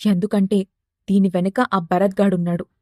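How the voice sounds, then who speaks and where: A woman's voice: medium pitch, flat delivery, moderate pace, darkish tone, no echo, clean studio sound, pitched below the performer's own voice, natural voice. A woman voicing an arrogant young man, a politician's son, who talks in an irritated, dismissive way.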